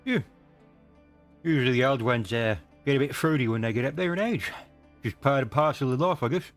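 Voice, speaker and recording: A man's voice: mid-range voice, fairly quick, soft background music. A man playing a tabletop game, making wry, laid-back remarks in casual banter.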